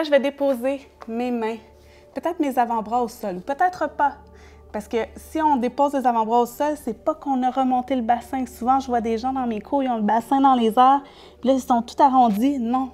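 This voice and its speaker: A woman with a Quebec French accent, a yoga teacher guiding a class with calm step-by-step instructions and light laughs. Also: fairly high pitch.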